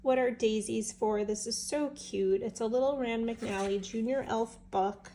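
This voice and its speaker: A stuffy-nosed woman eagerly shares an estate sale book haul in a casual vlog, chatting and musing aloud with fillers as a vintage seller. Her voice leans high and dark-toned, and she doesn't hurry.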